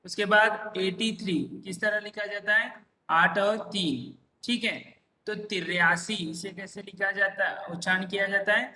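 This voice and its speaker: A man gives a classroom lesson, stretching each word and answering his own questions. His voice is high and very bright. He sits back from the mic in an echoing room. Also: recorded from a distance. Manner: drawn-out repeated pronunciations, asks and answers himself. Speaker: teacher. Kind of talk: slow classroom-style number lesson. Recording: echoey room, voice a bit off-mic.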